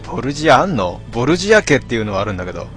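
A man hosting a casual late-night stream, reading out listener comments with grumbling asides and frequent throat clearing. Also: medium pitch, very animated, rapid-fire, fairly bright tone, faint music behind. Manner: grumbling, talks to himself, mock-annoyed asides.

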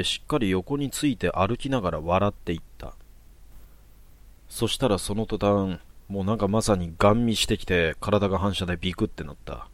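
A man calmly reading out short horror stories in a matter-of-fact manner. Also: low voice, no room sound. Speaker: storyteller. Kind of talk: narrated horror story.

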